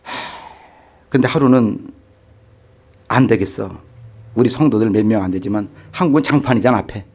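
A man's voice: fairly low pitch, normal speed, long pauses. A middle-aged male pastor telling a story in a sermon, acting out the voices in it and putting questions to the congregation. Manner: animated, acts out quoted voices, asks the congregation questions.

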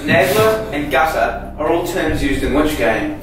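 Young guy doing casual quiz banter, talks slow, echoey bathroom w music behind. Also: a little high, expressive. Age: young adult. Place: small tiled bathroom indoors. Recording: echoey bathroom, distant mic, background music.

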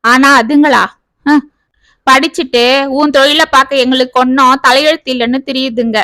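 A woman doing a weary middle-aged shopkeeper father from a storybook, grumbling and resigned. The voice is bright and dry, close to the mic. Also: sits high, steady tone, moderate pace, no room sound. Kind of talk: storybook reading.

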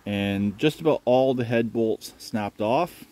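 A man's voice: mid-range voice, takes it slowly. A man casually narrating his own repair work outdoors, off camera, talking loosely with lots of fillers. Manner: relaxed, rambling, many fillers. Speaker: channel host working on a lawn tractor. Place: outdoors in a yard beside a shed.

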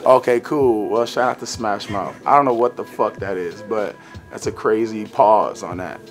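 On a green-screen studio set, a young man appearing as a rapper guest gives a laid-back interview, swearing often and leaning on "uh" and "you know". He speaks at a moderate pace in a lowish voice, with faint music behind him.

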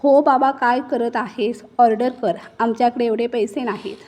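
A woman's voice: fairly high pitch, steady tone, normal speed, warm tone, close to an everyday voice. A woman voicing a demanding older father-in-law who grumbles in a storybook reading.

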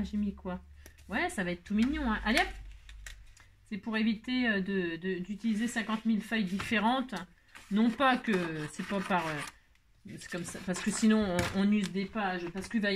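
A woman's voice: medium pitch, background noise. A tired woman hosting a casual crafting tutorial, chatty and self-mocking, talking straight to her viewers.

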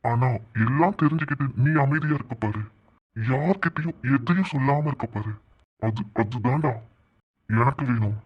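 A man's voice: medium pitch, lightly acted. A man playing a sneering, vengeful cartoon villain. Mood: menacing. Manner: slow, sneering, threatening taunts. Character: gloating vengeful male villain taunting a rival. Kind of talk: cartoon voice acting. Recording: dull lo-fi recording.

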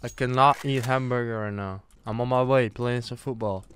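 A man's voice: mid-range voice, fairly even intonation, moderate pace. A young man groggy from anesthesia after dental surgery, casually commenting on a game he is playing and joking with teammates. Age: young adult. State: groggy from anesthesia after wisdom teeth removal. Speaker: game streamer. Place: small room at home. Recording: clear gunfire and clicking noise behind.

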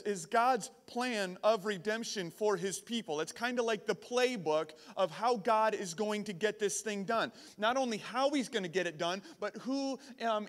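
A man giving a casual youth sermon, often repeating words as he builds his points. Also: high-pitched. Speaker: camp speaker. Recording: long hall reverb.

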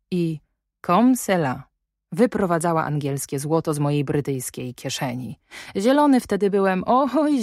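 A woman with a deep voice reads the part of a commanding, ironic English gentleman of middle age for an audiobook. She delivers his lines in a measured, wry, probing way, recorded cleanly in a studio without room sound.

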